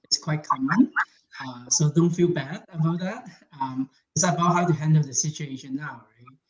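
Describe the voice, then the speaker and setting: A man's voice: fairly high pitch, normal speed. A man giving landlord advice over a video call, friendly and asking direct questions, his mic muffled. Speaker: real-estate advisor guest.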